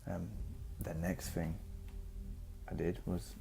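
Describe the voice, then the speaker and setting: A man giving a reflective, personal vlog monologue, speaking earnestly in short, halting phrases. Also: low voice, monotone, vocal fry, warm tone. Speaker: vlogger. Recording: music behind the voice.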